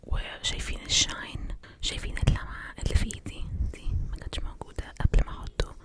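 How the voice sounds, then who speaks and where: A young Egyptian woman does ASMR in an intimate, breathy whisper, talking fast. She mixes in English words and softly repeats words as triggers.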